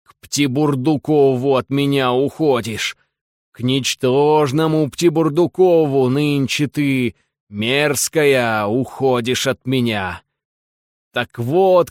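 A man's voice: fairly high pitch, no echo, studio quality, lightly acted. A man reading as a whiny self-pitying husband. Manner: drawn-out nasal whining. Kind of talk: audiobook character reading.

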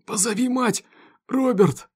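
Hurt farmer dad, strained groaning voice, pushed up high, narrator doing him. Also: male voice, takes it slowly, darkish tone, breathy edge, full character voice. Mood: pained. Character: wounded farmer father in pain, man.

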